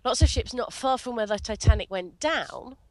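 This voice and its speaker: A woman's voice: a little high, lively intonation, darkish tone, dry recording. Woman with a cold, rambling on a headset. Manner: rambling, self-correcting, quick bursts. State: has a cold. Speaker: podcast co-host. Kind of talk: casual chat on an online call.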